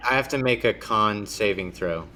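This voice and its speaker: A man's voice: lowish voice, moderate pace, bright, forceful tone, slight background noise. A man playing a tabletop game, chatting casually in a tentative, hedging way. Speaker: player.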